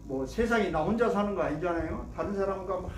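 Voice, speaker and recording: A man's voice: high voice, fairly quick, a little hiss or hum. A male pastor preaching a sermon, asking the congregation questions and acting out prayers and complaints. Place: church sanctuary. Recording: roomy church sound from a distant mic.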